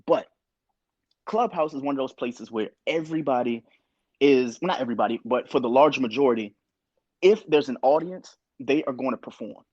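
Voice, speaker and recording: A young adult man co-hosting a podcast, talking in an animated, opinionated way and sometimes quoting others. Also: mid-range voice, normal speed, slightly rough, no echo, muffled recording. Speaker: podcast co-host. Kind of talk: casual podcast discussion.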